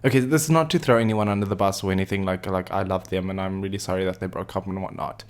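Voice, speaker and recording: A man co-hosting a casual podcast, animated and opinionated, often giggling between points. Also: deep voice, fast. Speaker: podcast co-host. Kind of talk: casual chat.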